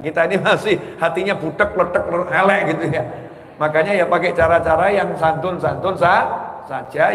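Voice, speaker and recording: A man's voice: high voice, fairly bright tone. A man preaching a sermon in a mosque, telling stories with humor and teasing his audience. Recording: echoey hall reverb.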